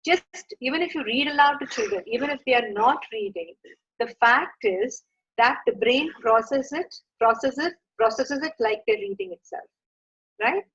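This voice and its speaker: Speaking at a moderate pace in a fairly bright, slightly rough, a little high voice, a middle-aged Indian woman gives an animated workshop talk. As founder of a children's reading program, she earnestly advises parents, often saying "uh" and "you know." The sound is dull and lo-fi.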